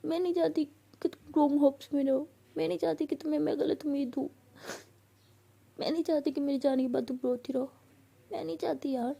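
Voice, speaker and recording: A sick young girlfriend who pleads and pouts in a high, whiny voice, as a woman puts her on. The voice has a soft, breathy edge and a dark, mellow warmth, and she sulks more than she argues. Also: fairly even intonation, a little fast. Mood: tearful pleading.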